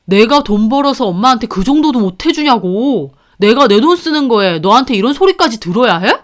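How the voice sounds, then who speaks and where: A woman's voice: medium pitch, sing-song, moderate pace, close to an everyday voice. A woman voicing a defensive, angry young husband who snaps back. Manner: snapping, defensive. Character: angry selfish husband, young adult man.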